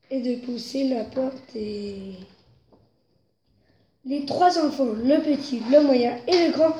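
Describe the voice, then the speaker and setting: A woman's voice: high-pitched, mellow, dull audio. A woman reading a children's story aloud, telling it expressively and rising with its tension. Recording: roomy echo, faint noise.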